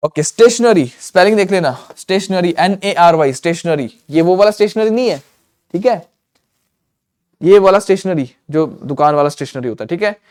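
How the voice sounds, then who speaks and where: A man teaching English grammar in an exam-prep lesson, mixing Hindi and English and slowing down on English examples. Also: high-pitched, animated, darkish tone, smooth. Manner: explains in Hindi mixed with English, slows down for English examples; repeats words and checks in with "theek hai".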